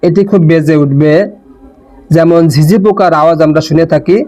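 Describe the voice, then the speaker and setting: A man teaching letter pronunciation in a slow lesson, repeating and drawing out each sound with care. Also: on the high side, dark tone. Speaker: Quran teacher. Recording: dull lo-fi recording.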